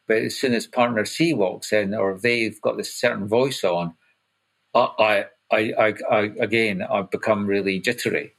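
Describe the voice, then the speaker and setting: Scottish man in his fifties, low voice. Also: vocal fry, fairly bright tone, rough recording. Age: 50s. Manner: halting, repeats words while explaining. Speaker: coach, podcast co-host. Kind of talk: casual conversational podcast chat.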